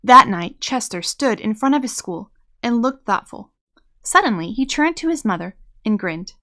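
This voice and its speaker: Lady with a highish voice reading a kids book out loud, expressive storyteller. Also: moderate pace. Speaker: host and read-aloud narrator of a children's book channel. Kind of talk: storybook narration for children.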